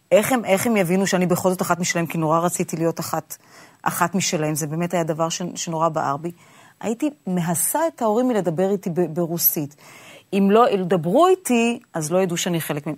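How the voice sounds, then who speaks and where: A woman hosting a podcast interview in a conversational way, probing and often restarting her phrases. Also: on the low side.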